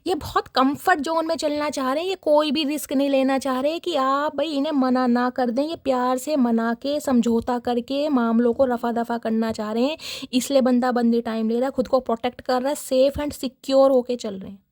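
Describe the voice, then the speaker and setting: Young female tarot reader, high voice, dramatic and chatty with viewers, dry close recording. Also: steady tone, moderate pace, dry recording. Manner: dramatic, chatty, laughs often, addresses viewers as guys. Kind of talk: casual tarot reading chat.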